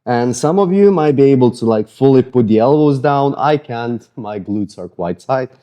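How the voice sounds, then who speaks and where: A fitness coach with an Eastern European accent casually leads a follow-along mobility routine, sweaty right after a workout and joking about his own tight muscles. His mid-range voice moves at a normal speed, his coaching relaxed and self-deprecating, and the audio is dull.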